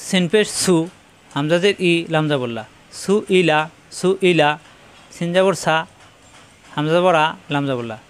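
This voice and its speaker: A man's voice: a little high, measured pace, long pauses, smooth. A man teaching Quran reading, who spells out letters and their sounds one by one and repeats each drill patiently. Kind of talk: spelling-out recitation lesson.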